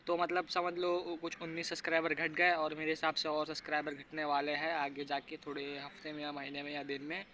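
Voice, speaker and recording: A man's voice: on the high side, monotone, brisk, hardly any pauses, sharp tone, slight background noise. A teenage boy talking casually in a vlog, thinking aloud and rambling with many fillers as he goes. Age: teens. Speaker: YouTuber.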